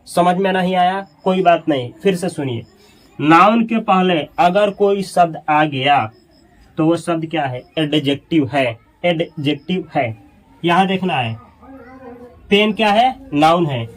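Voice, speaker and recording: A man teaching English grammar, drilling words over and over and putting questions to his students. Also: poor audio. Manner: drops low and soft when marking mistakes. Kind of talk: spoken grammar lesson.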